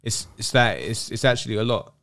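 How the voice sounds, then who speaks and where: A man's voice: lowish voice, lively intonation, brisk, fairly bright tone. A man with a London roadman accent giving casual podcast commentary in street slang, reasoning through comparisons.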